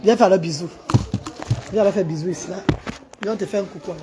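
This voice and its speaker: A woman's voice: fairly low pitch, fast, background noise. A woman hosting a casual live stream, talking to her viewers and coaxing a child beside her. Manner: animated, coaxing a child between remarks to viewers.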